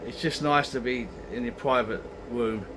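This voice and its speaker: A man's voice: mid-range voice, steady tone, moderate pace, background noise. A man giving a casual vlog update, grumbling and retelling conversations as he goes. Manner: grumbling, recounts exchanges as quoted dialogue. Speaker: travel vlogger.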